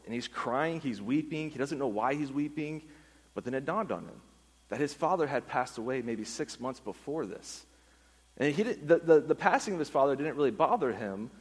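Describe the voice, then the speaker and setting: A man telling an earnest personal testimony in a sermon, going low and quiet at the emotional moments. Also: breathy edge, in a large hall, rough recording. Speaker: speaker giving a testimony.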